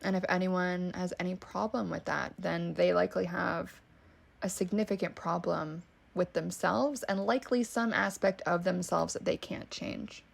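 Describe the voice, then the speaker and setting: A woman's voice: on the low side, steady tone, normal speed, creaky. A woman with a Valley Girl accent, hosting a solo podcast in a casual, emphatic way, swearing freely and saying "like" a lot. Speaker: podcast host.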